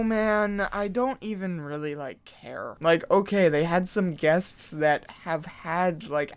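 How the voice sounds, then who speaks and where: A man's voice: on the high side, clear, resonant tone. A man giving a crude, sarcastic rant in a drama commentary video. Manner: sarcastic, mocking, crude ranting. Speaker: commentary YouTuber.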